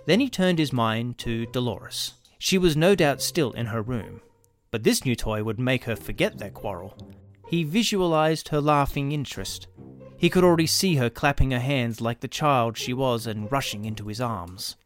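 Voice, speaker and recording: A man narrating a dramatic science fiction story in a lively, expressive way. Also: medium pitch, normal speed, faint music behind.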